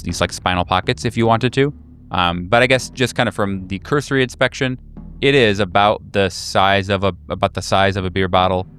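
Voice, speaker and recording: A man acting as game master improvises tabletop horror narration, speaking in a halting, conversational way and correcting himself as he goes. His voice is low-pitched with a fairly bright tone.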